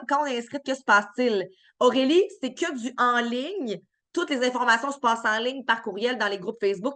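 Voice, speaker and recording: Fairly high-pitched and fairly bright, her voice carries a Québécois French accent. She's answering questions from her live stream's chat in a chatty, upbeat way, with lots of filler words and restarts.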